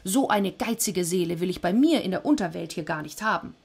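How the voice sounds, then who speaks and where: A greedy underworld god barks orders, indignant that no offerings came. A woman storyteller acts him out in a husky, breathy voice. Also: medium pitch, very animated, normal speed, a little mellow. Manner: commanding, indignant.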